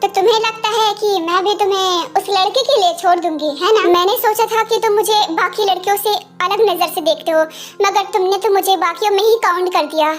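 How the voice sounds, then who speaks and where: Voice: very high-pitched, steady tone, brisk, a bit bright. A performer in an amateur Hindi fan dub voices a young wife who pleads with and explains herself to her angry husband. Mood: hurt, defensive.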